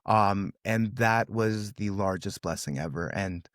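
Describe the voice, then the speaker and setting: Speaking at a measured pace in a fairly low voice, a California-raised man in his twenties whose native language is Russian shares his story on a podcast. His manner is sincere and relaxed, heavy on "um" and "brother," and the clean studio audio carries no room sound.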